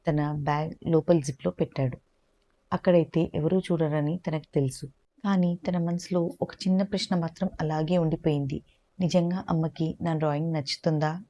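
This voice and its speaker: A woman telling a calm, gentle story for parents and ending with advice. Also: deep voice.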